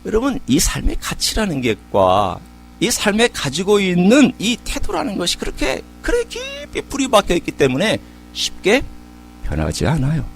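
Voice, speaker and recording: A middle-aged male pastor delivers a sermon with a lively, swinging delivery, his voice sitting a little higher than most men's. He moves between chatty storytelling and pointed rhetorical questions. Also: moderate pace, vocal fry, faint music behind. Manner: animated preaching with rhetorical questions; conversational storytelling.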